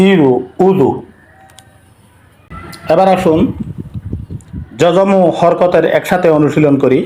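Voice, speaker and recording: Slow, high-voiced male Quran teacher. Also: darkish tone, low-quality recording. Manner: slow, drilling syllables with repetition. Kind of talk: slow recitation lesson.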